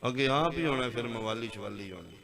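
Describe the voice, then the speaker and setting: A man with a Punjabi accent preaching an impassioned sermon at a religious gathering, acting out dialogues and rising to loud exclamations. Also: medium pitch, expressive, normal speed. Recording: live gathering with crowd heard. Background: crowd.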